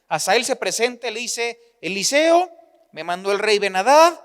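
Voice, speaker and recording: A man with a Mexican Spanish accent preaching a sermon, telling the story in an animated way and acting out the dialogue. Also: high-pitched. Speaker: pastor. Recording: long hall reverb.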